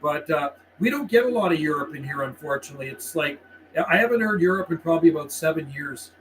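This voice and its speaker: The audio is poor, with clear background noise and CB radio ambience, as a middle-aged Canadian man hosts a laid-back, friendly live radio stream and calls out on CB channels. His voice sits on the high side, expressive and fairly bright, at a quick pace.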